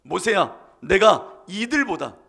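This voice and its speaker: A man voicing an angry God who speaks slowly and gravely. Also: sits high, sing-song, sharp tone, heavily acted. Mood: solemn. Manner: slow, grave, threatening. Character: wrathful God, deep and grave.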